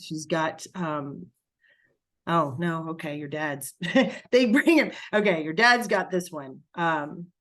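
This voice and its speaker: Middle-aged female medium, low voice, halting and emotional, lots of pauses. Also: fairly bright tone. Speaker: spiritual medium. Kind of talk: spiritual reading session.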